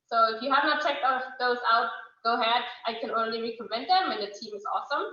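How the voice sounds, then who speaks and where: A woman's voice: fairly high pitch, fast, bright, forceful tone. A German woman hosting an online cooking class, talking chattily and eagerly with many fillers, with a German accent, heard over a distant laptop mic in her kitchen. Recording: echoey, distant, muffled video call audio.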